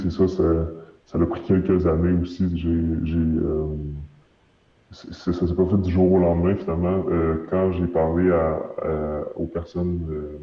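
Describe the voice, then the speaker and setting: A man with a Quebec accent speaks in a very low, artificially deepened voice with little variation. He gives personal testimony hesitantly, often restarting. The sound is muffled and echoing. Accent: Quebec French. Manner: hesitant, searching for words. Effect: voice pitch-shifted down to disguise identity. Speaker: anonymous witness being interviewed.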